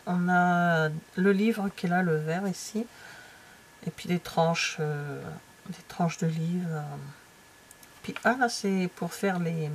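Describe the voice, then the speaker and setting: A middle-aged Frenchwoman with a lowish voice chats casually as a home crafter and vlogger, leafing through a stamping catalogue. She is talkative yet hesitant, full of fillers and trailing asides, sometimes sinking almost to a whisper. A faint hum sits in the background.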